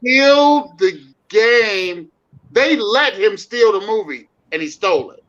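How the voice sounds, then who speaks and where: A man's voice: sits high, expressive, takes it slowly, fairly bright tone. A man co-hosting a casual film discussion, telling stories with emphatic enthusiasm. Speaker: co-host. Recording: muffled lo-fi audio.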